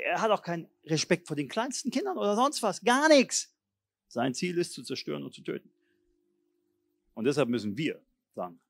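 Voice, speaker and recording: Preacher with wildly swinging delivery. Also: male voice, vocal fry, dry recording. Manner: swings between low intense murmurs and loud forceful exhortation; blunt colloquial preaching, direct address. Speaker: pastor. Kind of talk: charismatic sermon.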